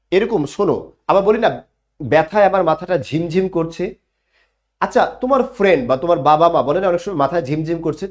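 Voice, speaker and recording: A man teaching an online class, explaining grammar and answering his own questions. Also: high voice. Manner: explanatory, asks questions and answers them himself.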